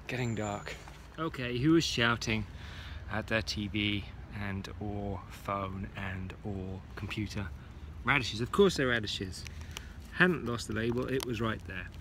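A man's voice: on the low side, unhurried, a bit bright, a little hiss or hum. A man in his forties chatting casually to a phone camera while walking around his garden allotment, muttering to himself as he checks on things. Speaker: vlogger. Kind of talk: casual walk-and-talk vlog. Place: outdoor garden allotment at dusk. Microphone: phone camera at arm's length.

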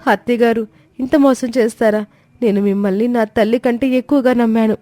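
A woman's voice: a little high, steady tone, fairly quick, mellow, no room sound, natural voice. A woman voicing a wronged young daughter-in-law who speaks in a pleading, distressed way. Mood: hurt.

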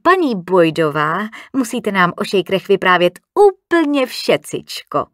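A woman's voice: medium pitch, big pitch swings, fairly bright tone, dry recording, studio quality. A woman reading an audiobook, voicing a mischievous, provocative society woman with a teasing, needling manner.

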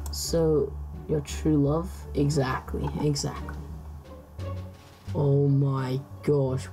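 A woman's voice: low voice, mellow. A woman vlogger musing aloud in casual chat, hesitant, with many restarts.

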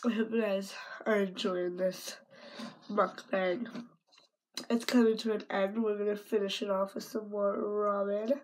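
A woman's voice: medium pitch, flat delivery, unhurried, poor audio. A woman vlogger chatting casually and giggling between bites as she eats on camera. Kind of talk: casual vlog chat while eating.

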